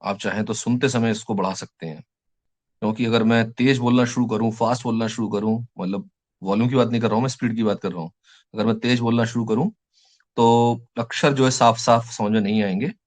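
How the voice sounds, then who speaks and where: A male teacher with an Indian English accent giving a lecture, slowly dictating English phrases word by word between explanations. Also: lowish voice, fairly even intonation.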